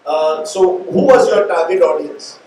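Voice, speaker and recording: A middle-aged man with an Indian accent interviews in a discursive, reflective way. His voice is high for a man, heard from a distance in a heavily echoing room with faint noise. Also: unhurried, a little mellow. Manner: discursive, long reflective questions. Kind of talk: live on-stage interview.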